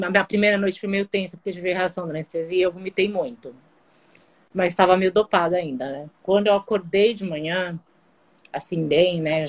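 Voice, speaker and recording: A woman guest telling her story in a casual online conversation, in an animated way. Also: fairly low pitch. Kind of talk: casual video-call conversation.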